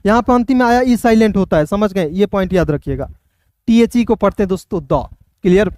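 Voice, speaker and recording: A man with a Hindi accent teaching English phonics, spelling words letter by letter and sounding them out slowly. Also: sits high, a little mellow, no room sound, studio quality. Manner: slow, repeats words, checks with listeners.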